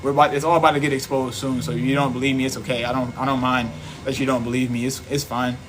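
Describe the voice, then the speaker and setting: A man's voice: medium pitch, level tone, quick pace, fairly bright tone, slight background noise. A man giving a casual, preachy livestream monologue, repeating himself and laughing often. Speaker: livestream host. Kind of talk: casual live-stream monologue.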